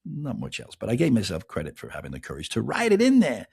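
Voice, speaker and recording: A middle-aged man, hosting his podcast in a casual, self-mocking monologue. His voice is gravelly and a bit husky, swinging widely in pitch as he fires off rhetorical questions. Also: wildly swooping pitch, quick pace, a little mellow. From England. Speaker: podcast host.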